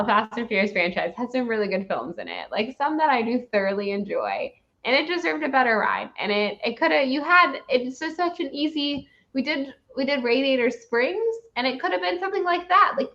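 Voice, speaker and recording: A woman hosting a movie review show rambles in a casual, ranting film chat, emphatic and full of opinions. Her voice sits high with a fairly bright tone, and the recording is dull and lo-fi.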